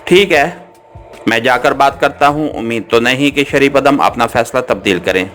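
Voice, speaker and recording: A man voicing a second male guard in an audiobook, speaking in a resigned way over soft background music. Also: medium pitch, normal speed, close to an everyday voice. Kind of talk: audiobook character reading.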